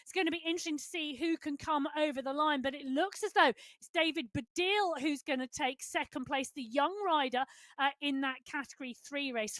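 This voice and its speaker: High-voiced female race co-commentator. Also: fairly bright tone, no room sound. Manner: brisk, reads out results. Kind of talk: live esports cycling commentary.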